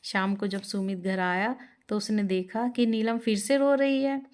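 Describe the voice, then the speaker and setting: A woman narrating a moral story in a steady, plain storytelling manner. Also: mid-range voice, measured pace.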